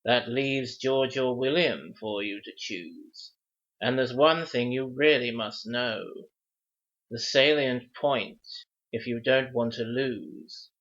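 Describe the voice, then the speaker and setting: An actor playing a formal, teasing wizard who speaks measured riddles in a fantasy adventure drama. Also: male voice, mid-range voice, a bit bright, muffled recording. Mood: measured, riddling.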